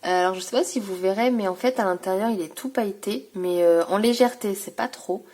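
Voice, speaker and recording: A woman's voice: mid-range voice, brisk, dark tone. Chatty French woman showing craft papers. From France. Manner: chatty, hesitant, many fillers. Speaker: scrapbooking vlogger. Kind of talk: casual show-and-tell vlog.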